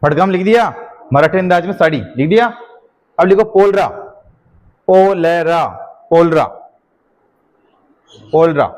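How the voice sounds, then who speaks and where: A middle-aged man leads an exam-prep class at a fairly high pitch. He dictates slowly, says each phrase several times, and keeps checking that his students are keeping up. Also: a little mellow. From Rajasthan. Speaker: teacher.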